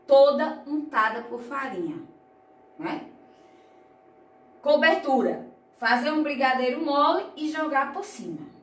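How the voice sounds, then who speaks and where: A woman teacher giving an online lesson to young children, slow and deliberate, stretching out syllables and checking in with tag questions. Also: high-pitched, distant mic. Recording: echoey room, voice away from the mic.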